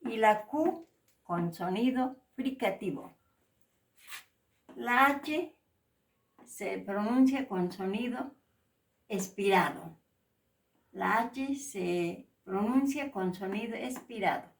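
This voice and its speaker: A woman from Peru teaching a language lesson, slowly saying example words and repeating them with emphasis. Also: mid-range voice. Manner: slow, deliberate, repeats and stresses each word louder. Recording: voice a little far from the mic.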